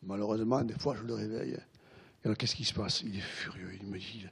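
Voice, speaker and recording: A man retelling a worried middle-aged wife's words in his own low voice, confiding and halting, often repeating himself. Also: steady tone, creaky, slightly rough, full character voice. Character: worried middle-aged wife, drinking patient.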